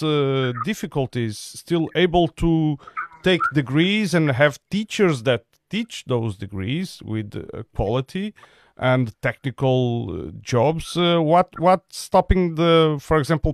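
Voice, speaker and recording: A man's voice: a little high, no echo. Hesitant interviewer man, dry sound. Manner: hesitant, many fillers, polite. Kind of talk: remote interview. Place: home.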